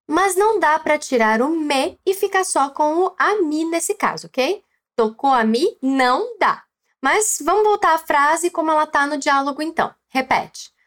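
A woman's voice: high voice, animated, measured pace, fairly bright tone. A woman with a Brazilian Portuguese accent hosting a language lesson podcast, encouraging the listener to repeat after her. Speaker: Spanish teacher and podcast host.

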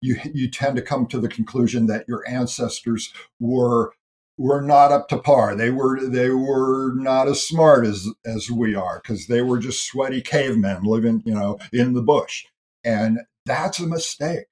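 Here an interview guest on history and ancestry, a man with a mid-range, slightly mellow voice, talks a little slowly. He explains big ideas thoughtfully and earnestly, pausing to restart small phrases along the way.

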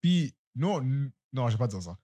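A young man with a Quebec French accent, co-hosting a casual podcast and telling stories in a loud, animated way, with English slang mixed in. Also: mid-range voice, moderate pace, no echo. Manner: loud-spoken. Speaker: podcast co-host. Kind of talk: casual chat.

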